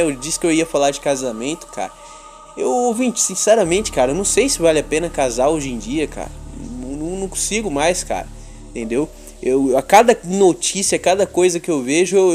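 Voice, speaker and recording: A man's voice: a little high, darkish tone. A young man with a Brazilian Portuguese accent, hosting a podcast in a crude, slangy, rambling monologue with frequent laughs. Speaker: podcast host. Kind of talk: casual chat monologue.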